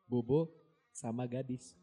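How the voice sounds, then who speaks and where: Young guy cracking puns, mellow dark voice, faint guitar under it. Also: medium pitch, slightly rough. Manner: bantering, quick puns, frequent laughter. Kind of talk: casual joking wordplay chat.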